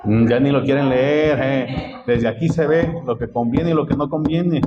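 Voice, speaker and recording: A man's voice: mid-range voice, normal speed, muffled recording, crowd noise. A man preaching a sermon as pastor, often stopping to quiz the congregation with repeated questions.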